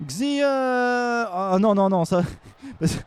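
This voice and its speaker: A man commentating battles live on a stream, joking and rambling, with bursts of shouted hype. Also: very high voice, lively intonation, slow, smooth.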